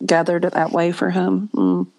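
A woman hosting an interview, offering gentle, brief responses as she listens. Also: lowish voice, big pitch swings, normal speed. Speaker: host. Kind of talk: interview conversation.

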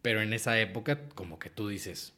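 A young man with a Mexican Spanish accent, a guest writer and actor telling stories in a casual interview, animated and often laughing. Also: lowish voice, brisk.

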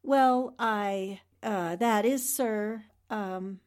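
In a radio drama styled after the 1940s, a woman plays a composed, shrewd newspaperwoman who speaks politely and at a measured pace. Her voice is mid-range and a little mellow.

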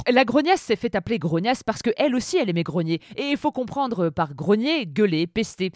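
A woman's voice: medium pitch, darkish tone, no echo, studio quality. A woman hosting a podcast, delivering a scripted comic monologue in a sardonic, playful, teasing manner. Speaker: podcast host.

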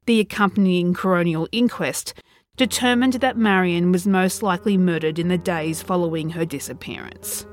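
On the low side, a woman's podcast voice delivers a scripted true crime narrative. She tells it in a measured, serious way that builds suspense.

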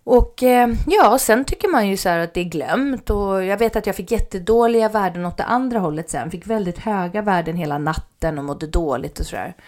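Woman telling a lively personal story. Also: mid-range voice, few pauses. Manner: animated, acts out quoted speech, drops to near-whispers. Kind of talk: casual spoken anecdote.

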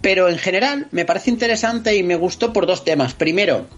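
A man with a Spain Spanish accent tells stories in a casual podcast chat, voicing little scenes and exclamations as he goes. His voice sounds slightly husky, and the dull, lo-fi recording has faint music running beneath it. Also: high voice, a little fast. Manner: expressive storyteller, acts out scenes with interjections. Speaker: podcast guest.

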